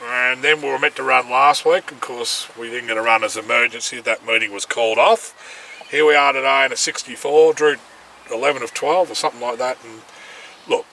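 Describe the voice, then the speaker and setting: Australian man, rambling race report, bright voice, far from the mic, faint noise behind. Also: medium pitch, fairly quick. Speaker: racing syndicate co-host. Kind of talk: casual racing chat.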